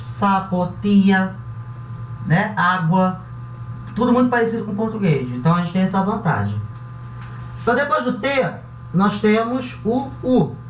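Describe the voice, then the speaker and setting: A male teacher works through a lesson slowly and patiently, repeating each word and checking in with the class. He sounds some way off from the microphone in a roomy space. The sound is dull, with a faint hiss beneath it. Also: sits high, distant mic. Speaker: Spanish teacher.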